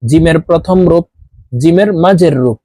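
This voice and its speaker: A man's voice: a little high, dark tone, no echo. Bangladeshi guy teaching quran letters, chants each one out, dry close sound. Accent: Bangladeshi Bengali. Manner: drawn-out chanted letter names. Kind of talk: slow letter-by-letter lesson.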